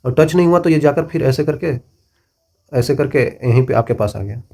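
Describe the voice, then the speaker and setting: A man's voice: medium pitch, normal speed, creaky, mellow. A middle-aged man teaching a physics lesson, explaining with repeated checks and everyday examples. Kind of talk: classroom lecture.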